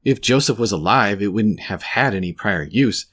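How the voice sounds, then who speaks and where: Wry man with a very lively delivery. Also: on the low side, normal speed. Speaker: apologetics video host. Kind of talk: scripted video commentary, conversational.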